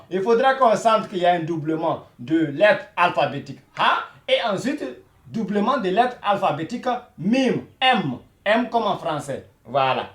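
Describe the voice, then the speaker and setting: A man teaching a beginner Arabic lesson who repeats each word slowly and keeps saying "voilà". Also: sits high, fairly bright tone, reverberant. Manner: repeats words slowly, many "voilà" fillers.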